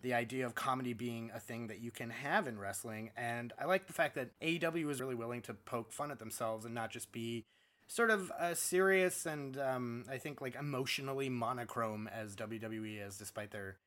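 A man's voice: medium pitch, moderate pace, fairly bright tone. A man hosting a podcast, talking in a casual, bantering way as he reviews wrestling. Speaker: podcast host.

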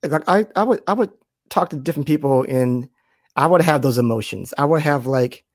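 A man's voice: a little high, expressive, a little fast, no echo, studio quality. A man hosting an interview podcast who backs the guest with short yeahs and repeats words as he starts sentences. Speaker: podcast host. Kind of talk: casual interview talk.

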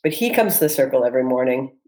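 An entrepreneur guest answers interview questions earnestly and reflectively, often restarting sentences and leaning on fillers. The voice is mid-range, animated, and fast, with a slightly mellow quality.

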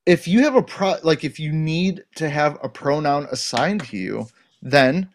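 A man's voice: a little high, animated, measured pace, slight background noise. A man in a casual podcast conversation, talking bluntly and emphatically with frequent swearing. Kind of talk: casual opinionated chat.

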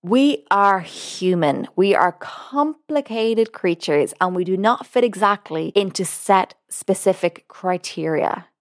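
Female coach hosting a podcast; earnest, measured, steady explainer. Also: mid-range voice. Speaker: podcast host and binge eating coach. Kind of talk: podcast monologue.

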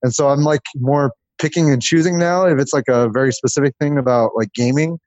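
A growth marketer appears as a guest on a podcast, chatting casually in an interview and rambling through explanations built around lists. His voice is medium-pitched and darkish, he talks a little fast, and the recording sounds muffled.

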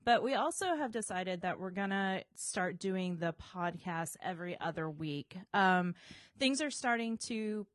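A woman's voice: mid-range voice, lively intonation, measured pace, no echo. Woman hosting casually, very dry sound. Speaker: podcast host, bookseller. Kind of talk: casual podcast chat.

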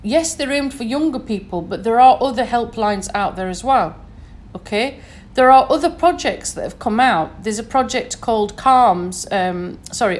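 In this informal recorded talk, an educator addresses her listeners earnestly in a fairly high voice and a Sheffield English accent, being from Sheffield in northern England. As she moves through each point, she keeps dropping in a quick "okay?" to check in.

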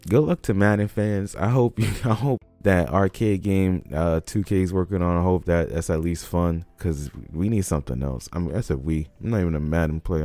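Deep, mellow man with a cold. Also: no echo. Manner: rambling and laid-back, with chuckles and restarts. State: congested from a cold. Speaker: podcast host. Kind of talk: casual solo gaming podcast.

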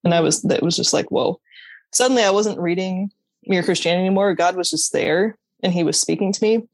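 A woman's voice: on the low side, quick pace, no room sound. A woman telling her personal faith story as an interview guest, earnest and candid, stopping and restarting her sentences and laughing now and then. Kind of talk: personal faith testimony in conversation.

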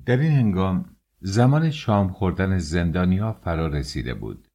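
A man's voice: sits low, lively intonation, warm tone. A man reading an audiobook aloud, narrating a story and shifting his tone for the quoted characters. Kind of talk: audiobook narration with acted dialogue.

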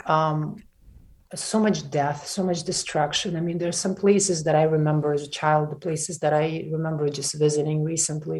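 An interview guest from Ukraine speaks in a low, creaky voice with a darkish tone during a conversational interview. She's halting and restarts often, then drives her points home with emphasis.

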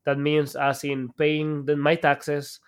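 A man's voice: on the high side, completely flat delivery, takes it slowly, clean tone. A man from El Salvador, an entrepreneur guest on a podcast, speaking over a video call with many fillers and restarts. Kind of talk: podcast interview.

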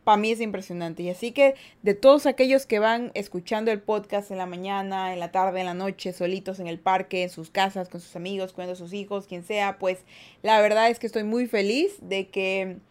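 Streaming her podcast indoors in a daylight room, a young Guayaquil woman speaks Ecuadorian-accented Spanish, upbeat and chatty as she reads the chat with playful asides. Her medium pitch is darkish and fairly even, at a normal speed.

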